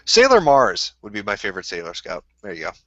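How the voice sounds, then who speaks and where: A man from Minnesota with a Minnesota accent, a bit drunk and talking crudely on a livestream. His voice is bright and a little low, and the dull, lo-fi audio sounds dry and close. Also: wildly swooping pitch, quick pace, no room sound. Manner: crude, rambling, laughs often. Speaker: streamer. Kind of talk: casual livestream chat.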